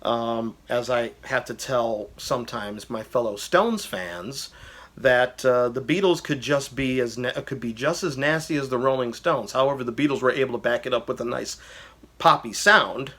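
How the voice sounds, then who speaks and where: This man, a vlogger who reviews albums, chats casually about a favorite record in a medium-pitched voice at normal speed, sounding pushed and bright. He rambles enthusiastically, full of fillers and restarts, and briefly sings snippets of lyrics in this personal music commentary.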